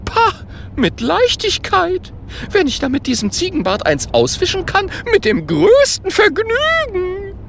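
A woman doing Gerd, a shrill sobbing ghost. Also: takes it slowly, slight background noise. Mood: boastful. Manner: wailing, sobbing, high and shrill. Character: weepy boastful male ghost, former pickpocket.

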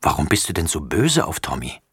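A gentle, calm old grandmother speaks softly, as a man reading a storybook puts her on. The voice is dropped low beneath the reader's usual tone and stays quiet and dry. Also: fairly quick, husky, no room sound, full character voice. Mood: concerned.

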